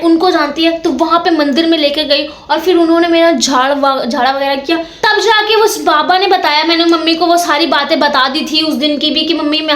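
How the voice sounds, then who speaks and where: High-voiced young woman telling a spooky story. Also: fairly bright tone. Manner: dramatic, repeats words for suspense. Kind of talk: casual spoken storytelling. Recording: echoey room.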